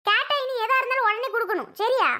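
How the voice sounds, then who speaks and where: A woman's voice: extremely high pitch, pushed and bright. Woman doing a bossy bratty little girl. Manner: bossy, quick, mocking. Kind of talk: cartoon voice acting.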